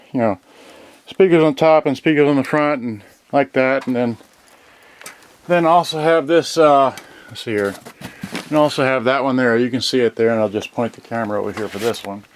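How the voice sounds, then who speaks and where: A man with a clean, mid-range voice hosts an electronics unboxing channel. His unboxing is casual and unscripted, rambling as he thinks aloud and often stopping mid-thought. The noisy home video contains clicks.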